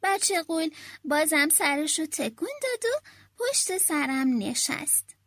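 A woman reading a children's story aloud in the first person, with an expressive, animated delivery. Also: sits high, no echo, studio quality.

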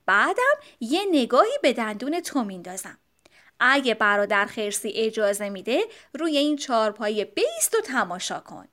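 Woman doing a gentle male bear dentist. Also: a little high, big pitch swings, pitched below the performer's own voice. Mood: patient. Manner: kind, patient, explaining.

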